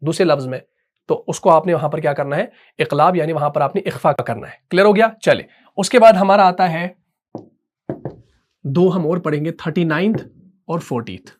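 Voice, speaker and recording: A man teaching Quran recitation. He talks patiently and repeats himself, slows down to dictate terms, and keeps asking whether the point is clear. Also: a little high. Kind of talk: dictated classroom lesson.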